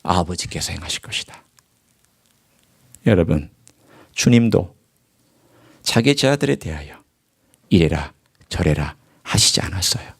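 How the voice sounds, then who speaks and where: A man's voice: low voice, big pitch swings, a little slow, gravelly, long pauses, breathy edge. A male pastor delivering a sermon in a church, reading scripture aloud and putting rhetorical questions to his congregation. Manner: reads scripture aloud in formal biblical diction. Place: church sanctuary.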